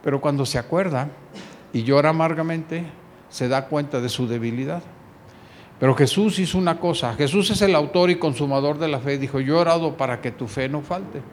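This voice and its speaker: A man's voice: a little high, a little fast, slight background noise. A man preaching a sermon, retelling a scripture story and acting out the dialogue with changing voices. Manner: acts out dialogue with shifting voices.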